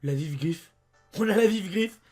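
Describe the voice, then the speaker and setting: A young French man with a hoarse voice, chatting excitedly as he plays a game and talks to his viewers. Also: high voice, a little slow, faint music behind. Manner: chatty and excitable, often says "mes amis" and "abusé". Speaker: let's play host. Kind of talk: casual gameplay commentary.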